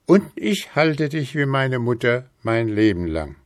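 A man's voice: mid-range voice, very animated, a little slow, dry recording, clean studio sound, pitched above the performer's own voice. A man reading a fairy tale and voicing a worried poor man with a pleading, somewhat raised voice. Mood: eager.

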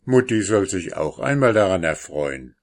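A man voicing a calm, kindly father of young children in a read-aloud story, speaking gently and patiently. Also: low voice, moderate pace.

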